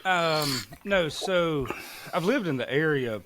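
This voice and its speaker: This Mississippi farmer, a guest on a podcast, chats casually with a Southern accent, sounding folksy and self-deprecating. His voice is a little high and fairly bright, with lively intonation and an unhurried pace.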